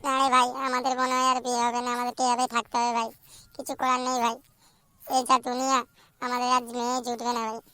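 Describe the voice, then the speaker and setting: Woman playing a whiny young unmarried guy, fast and sharp, cartoon, complaining and cursing. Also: high-pitched, level tone. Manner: fast complaining chatter, full of swearing. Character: young unmarried man, whiny and crude-talking. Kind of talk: cartoon voice acting.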